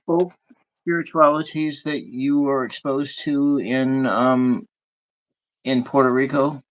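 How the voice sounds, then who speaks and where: A man's voice: medium pitch, steady tone, slow, poor audio. A man hosting a casual livestream chat, often hesitating and searching for his words. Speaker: host.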